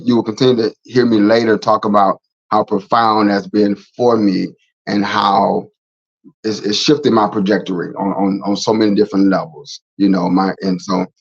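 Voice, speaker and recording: A middle-aged man hosting a casual faith talk show, rambling and repeating words as he goes. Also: lowish voice. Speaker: host. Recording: slightly dull, lo-fi sound.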